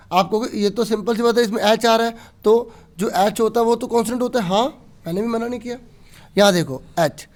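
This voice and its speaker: A male teacher explaining grammar to pupils, asking questions and answering them himself. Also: sits high. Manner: explains patiently, asks and answers his own questions. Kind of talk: online grammar lesson.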